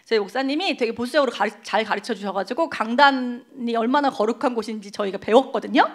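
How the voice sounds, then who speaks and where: Woman, middle-aged, fairly high voice, church speaker, heartfelt storytelling. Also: fast talker. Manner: emotional storytelling, acts out quoted dialogue. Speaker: guest speaker at a church service. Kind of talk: personal testimony in a sermon.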